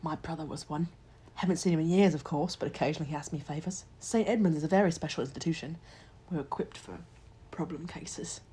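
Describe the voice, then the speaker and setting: A woman's voice: on the low side, animated, brisk, few pauses, husky. A woman playing a stern, cold matron at a children's home, with a clipped, nasal, curt way of speaking. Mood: hushed.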